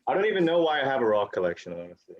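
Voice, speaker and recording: A man's voice: medium pitch, big pitch swings, racing, highs cut off, noisy background. A young man bantering and teasing friends on a video call, laughing often. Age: young adult. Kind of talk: casual banter.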